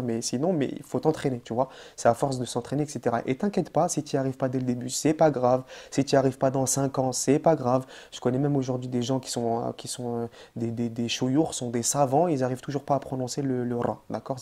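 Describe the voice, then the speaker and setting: Man, online Arabic teacher, warm low-key tone, relaxed chatty delivery, lots of filler words. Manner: addresses the viewer informally as "tu". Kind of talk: casual online language lesson.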